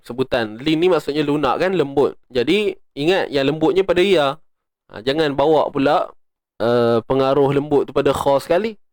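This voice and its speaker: A man's voice: on the high side, moderate pace, no room sound, clean studio sound. A man with a Malaysian Malay accent teaching Quran recitation rules, explaining step by step and chanting verses in a raised voice. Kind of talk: tajwid lesson with recitation.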